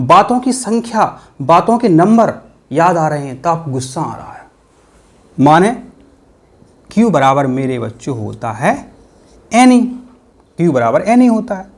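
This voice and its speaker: A man teaching a physics exam-prep lesson, playful and full of repeated mnemonics. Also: sits high. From India.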